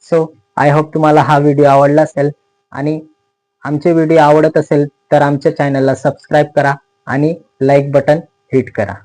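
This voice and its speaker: A man with a Marathi accent teaching English pronunciation in a slow explanatory lesson, repeating each word and its meaning patiently. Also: a little high, little pitch movement, a little mellow, low-quality recording.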